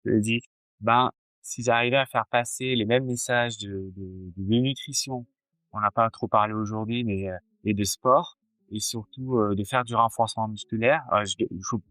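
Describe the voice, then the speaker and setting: A man's voice: fairly low pitch, fairly even intonation, moderate pace, fairly bright tone, no room sound. A man in his forties, a cardiologist guest chatting casually in an interview, hesitant with many fillers and restarts.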